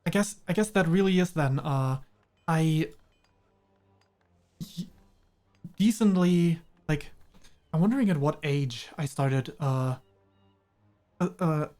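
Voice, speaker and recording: With soft music in the background, the young German streamer talks through his game in English tinged with a slight British-American mix, German being his native language. His voice is fairly high and darkish, slow and often pausing, with rambling, hesitant talk and frequent laughter.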